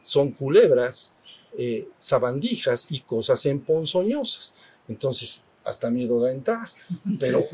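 A man's voice: mid-range voice, darkish tone, husky. A middle-aged man gives a conversational spiritual talk to a group, often asking whether they are following. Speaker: spiritual retreat teacher.

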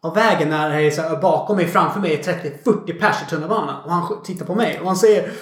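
A man chatting casually as a podcast guest, an animated storyteller who swears freely. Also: fairly high pitch. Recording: echoey room.

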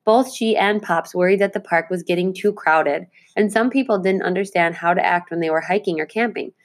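A woman teacher reading a children's book aloud to her class, with clear, expressive delivery. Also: lowish voice, brisk.

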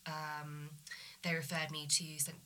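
A woman in her thirties, nasal from a cold, calmly and candidly telling her story as a guest. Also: deep voice, takes it slowly. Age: 30s. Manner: calm, candid, matter-of-fact. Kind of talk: interview conversation.

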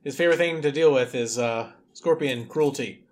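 A man's voice: medium pitch, moderate pace. A man hosting a podcast, asking quiz questions and ribbing his co-hosts with dry, casual humor. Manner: dry, teasing, casual swearing. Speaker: podcast host, quiz master. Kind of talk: casual chat.

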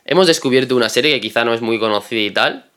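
A man's voice: medium pitch, rapid-fire, a bit bright, clear, resonant tone. A young man co-hosting a homemade podcast, telling stories in a rambling, casual way full of fillers. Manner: rambling storyteller, many fillers. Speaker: podcast co-host. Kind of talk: casual chat.

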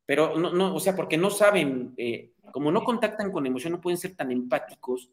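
A man's voice: on the high side, expressive, brisk. Man explaining like a teacher. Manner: didactic, asks "¿sí?" for agreement, acts out quoted people. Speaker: guest psychologist and coach. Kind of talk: explanatory interview talk.

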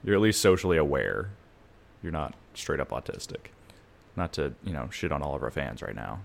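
A man with a very low voice talks through casual comedic podcast chat. He is blunt and swears freely, drifting into stories and opinions. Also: big pitch swings, brisk, vocal fry, slight background noise. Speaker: podcast co-host.

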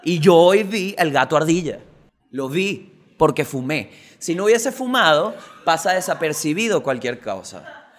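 A young Venezuelan man hosting a podcast, telling stories in a slangy comic monologue that swings between loud bursts and low mutters. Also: sing-song, measured pace. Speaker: podcast host, stand-up comedian.

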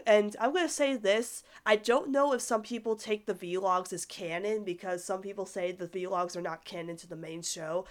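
A female podcast host with a nasal, congested voice, recovering from a cold. She chats casually on her own at a middling pitch, rambling emphatically and excitably about her fandom. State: recovering from sickness, stuffed-up nose. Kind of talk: casual solo fan podcast chat.

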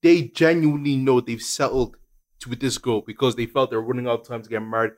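A man's voice: medium pitch, fairly even intonation, fast talker. A young man with an urban London accent, chatting casually and insistently, often repeating himself. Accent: London, urban slang. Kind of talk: casual group chat.

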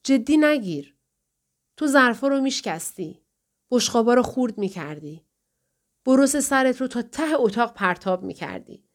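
A woman's voice: fairly high pitch, animated, lightly acted. A woman voicing a distressed man pleading with his wife in an audiobook, earnest and pleading. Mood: explaining. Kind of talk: audiobook dialogue reading.

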